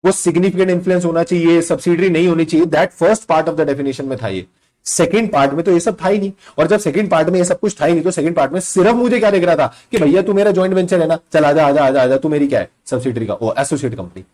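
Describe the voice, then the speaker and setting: Young male lecturer, fairly high voice, chatty and teasing, keeps quizzing students in a live class. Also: fast, darkish tone. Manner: quizzing students, conversational Hindi mixed with English. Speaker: law lecturer.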